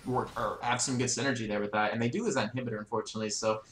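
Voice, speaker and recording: A man doing color commentary on a video game match, excitable and quick to jump in, often apologizing for interrupting. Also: mid-range voice, roomy sound. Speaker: esports co-caster.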